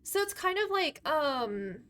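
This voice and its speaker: A young adult woman streams live gaming from her bedroom, rambling and giggling with plenty of fillers, her voice a bit worn after losing it lately. It's high-pitched and a bit bright, with big pitch swings and a slightly slow pace.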